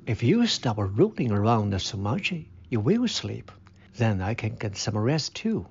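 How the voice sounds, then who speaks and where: Male reader as a gentle elderly farm wife in a storybook, slow and husky, lo-fi. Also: fairly low pitch, big pitch swings, full character voice. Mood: scolding. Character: old farm wife, gently scolding and kind.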